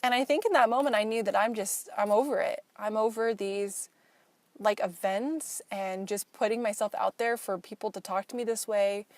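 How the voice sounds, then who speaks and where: A young woman talks alone in her car, frank and fed up, swearing as she vents. Her voice sits at an ordinary middle pitch. The sound is dry and close, with no room around it. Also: normal speed, no room sound. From Portland, Oregon. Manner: frank, exasperated storytelling with swearing. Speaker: podcast host. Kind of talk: casual solo chat. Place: inside a parked car.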